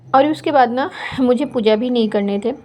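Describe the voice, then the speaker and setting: Fast-talking woman vlogger, slightly high voice. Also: mellow. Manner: fast-talking, chatty, with frequent fillers. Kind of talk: casual vlog voice-over.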